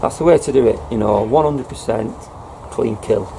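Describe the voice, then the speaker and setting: A middle-aged man speaking at a moderate pace with vocal fry discusses airgun pest control casually for the camera. He's inside a farm building loft, surrounded by noisy outdoor-farm ambience, and talks in a low-key, chatty way with fillers like "you know."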